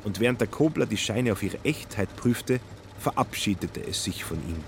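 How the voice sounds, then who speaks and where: A man reading a literary text aloud in a calm, even storytelling manner. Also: fairly low pitch, moderate pace, slight background noise. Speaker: narrator.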